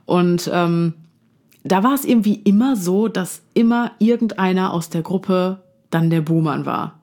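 A woman's voice: on the low side, unhurried, darkish tone. Young woman podcast host, chatty and frank, lots of ums. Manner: reflective, frank, many fillers. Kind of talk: casual chat.

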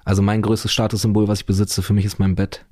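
Laid-back man, low flat voice. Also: fast talker, no echo, clean studio sound. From Berlin, Germany. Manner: relaxed slangy rambling, many fillers. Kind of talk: casual chat.

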